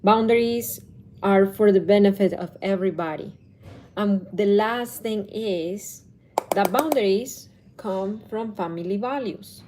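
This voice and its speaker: On camera, a parenting coach who appears to be in her thirties speaks casually and thoughtfully, slowly, with restarts and corrections. Her medium-pitched voice has a dark tone, and the poor audio carries a little hiss or hum.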